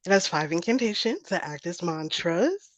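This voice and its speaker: A woman's voice: on the low side, animated, moderate pace, dry recording, poor audio. A woman poet chatting as a podcast guest over a video call, laughing often as she talks. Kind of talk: casual interview chat.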